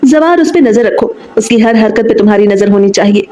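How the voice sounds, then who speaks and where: A woman's voice: medium pitch, animated, brisk, mellow, roomy sound, lightly acted. A woman voicing a possessive young man in a romance audiobook, talking in a firm, commanding way. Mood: stern.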